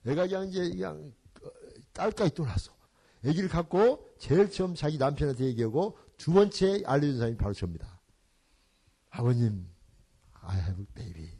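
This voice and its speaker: An older man leading a parenting seminar in a husky, slightly higher voice. He tells family stories with lively swings in pitch, acting out little scenes and slipping English phrases into his talk. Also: brisk. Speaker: church elder giving a parenting seminar.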